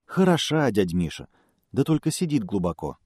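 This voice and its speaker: A man's voice: fairly low pitch, very animated, normal speed, a little mellow, breathy edge, dry recording, studio quality. A man voicing a timid little hare in a fairy tale, meek and polite.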